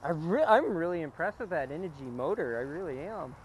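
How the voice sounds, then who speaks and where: A man hosting an outdoor vlog, chatting casually about RC trucks and coaching a driver in a relaxed way. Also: on the high side, fairly quick, slight background noise. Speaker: vlog host. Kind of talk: casual chat while driving RC trucks. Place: outdoor trail.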